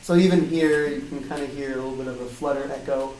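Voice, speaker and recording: A man's voice: medium pitch, steady tone, fast talker, darkish tone, a little hiss or hum. A man casually explaining his sound work in an interview, loose and rambling with many fillers. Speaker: game jam sound designer. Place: co-working space office, not a studio. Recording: flutter echo off parallel walls, a bit far from the mic.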